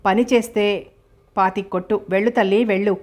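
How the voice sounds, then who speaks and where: Woman voicing an impatient scolding mom, flat even delivery, storybook reading. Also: mid-range voice, normal speed, close to an everyday voice. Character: scolding middle-aged mother, irritable housewife.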